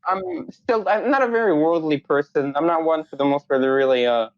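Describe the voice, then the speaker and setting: A young man co-hosting a relaxed podcast. He talks with a very lively, swooping pitch and often stops and restarts his sentences. The recording is dry and slightly dull, like a cheap home mic. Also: gravelly, no echo. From United States. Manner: animated, halting, many restarts. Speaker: podcast co-host. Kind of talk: casual chat.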